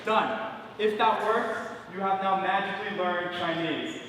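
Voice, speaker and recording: A twenty-something man with a high-sitting voice performs stage magic patter at a measured pace in a large theater. He jokes playfully with an audience volunteer, and the distant mic catches echo from the hall along with background noise.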